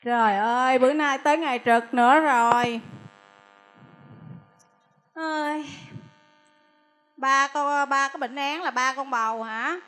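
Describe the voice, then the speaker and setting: Woman playing a grumbling duty doctor, Southern Vietnamese accent, high voice, exasperated sighs, scolding, stage skit. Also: fairly even intonation, unhurried, long pauses, a bit bright. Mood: weary grumbling. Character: grumbling vain female duty doctor, impatient with patients.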